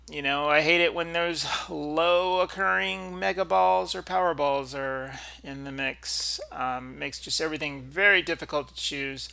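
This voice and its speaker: Gravelly, bright-voiced man, casual video host. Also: on the high side. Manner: halting, frequent throat clearing. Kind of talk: casual unscripted commentary.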